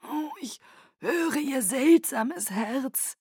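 A woman putting on a high, melodic, eerie vampire lord. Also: lively intonation, extremely slow, dark tone, dry recording, studio quality, full character voice. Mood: silky, delighted. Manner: melodic, silky and theatrical. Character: ancient male vampire leader, charming and eerie. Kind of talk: audiobook reading.

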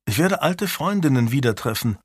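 A man reading an audiobook voices a grieving older noble widow, speaking quietly and sadly. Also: mid-range voice, expressive, moderate pace, slightly rough, no room sound, clean studio sound. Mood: melancholy.

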